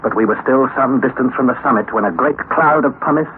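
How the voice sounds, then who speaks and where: For a radio play of a classic adventure novel, a male actor voices an anxious young student gravely recounting his expedition in earnest, formal, dramatic narration. His mid-range voice moves fast and is lightly acted, heard on a noisy, narrow-band old radio recording.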